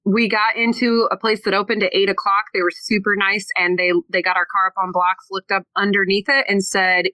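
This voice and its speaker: A woman tells a story in a casual, chatty way, laughing often and filling gaps with "like". Her voice sits in a middle pitch. The sound is dry and close. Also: level tone, a little fast, bright, forceful tone, dry recording, poor audio. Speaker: podcast guest.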